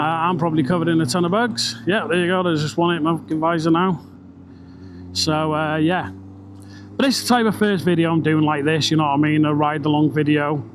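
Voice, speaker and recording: A British man with a slightly high voice vlogs from inside his helmet while riding a motorbike. He rambles along in a casual, chatty, sweary way. Engine and wind noise run clearly behind his enclosed-sounding voice. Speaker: vlogger. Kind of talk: casual ride-along motorbike vlog chat. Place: outdoors, riding a motorbike on country roads. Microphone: microphone inside a helmet. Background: motorbike engine and road noise.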